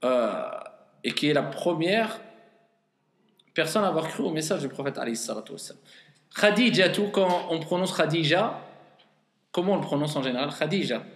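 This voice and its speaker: Man, reading teacher, slightly high pitch, very slow, repeats syllables, echoey hall. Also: lively intonation. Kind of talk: patient classroom teaching. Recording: echoey room with long reverb.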